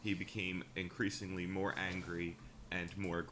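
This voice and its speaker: Man, very deep voice, scripted documentary narration, steady and informative, noisy playback. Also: unhurried. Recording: noisy played-back video audio.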